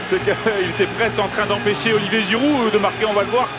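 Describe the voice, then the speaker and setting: A man analyses a live football match as co-commentator. His pitch is high and his delivery conversational. Clear noise is audible behind his voice. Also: steady tone, fast talker.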